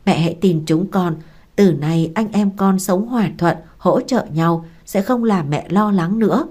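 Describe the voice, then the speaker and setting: A woman voices a remorseful eldest son in an audiobook. He speaks earnestly and repentantly, in a lowish voice. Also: measured pace, a little mellow.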